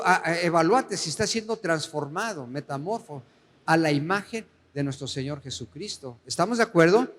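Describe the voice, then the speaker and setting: High-voiced pastor preaching in a hall. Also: male voice, a bit bright. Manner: preaching with rhetorical questions to the congregation; slows down to read scripture aloud. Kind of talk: sermon. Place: church hall.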